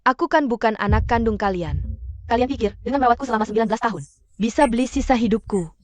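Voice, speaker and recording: Brief: woman voicing a two-faced adopted daughter, sweet and high, venom underneath, dubbed mini-drama. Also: fast talker, no echo, close to an everyday voice. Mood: cold mocking. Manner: sugary coaxing turning cold and mocking.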